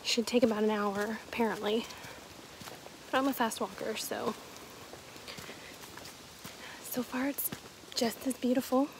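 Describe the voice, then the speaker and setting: A woman's voice: on the high side, fairly even intonation, measured pace, pauses often, noisy background. A woman in her thirties chatting casually to a phone camera while hiking alone on a forest trail, with a self-deprecating manner. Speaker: vlogger. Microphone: phone at arm's length. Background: background music.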